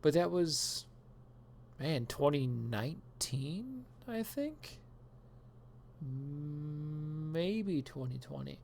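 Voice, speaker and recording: A woman's voice: sits low, animated, drawn-out words, vocal fry, long pauses, darkish tone, slight background noise. A woman live streamer chatting casually while gaming, rambling and self-deprecating and laughing often.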